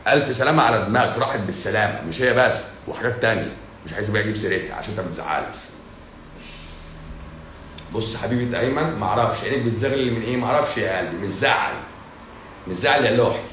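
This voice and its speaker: A man's voice: mid-range voice, fairly bright tone, roomy sound, a little hiss or hum. A man with an Egyptian Arabic accent, a doctor hosting a livestream who answers viewer comments in a blunt, sarcastic, scolding way.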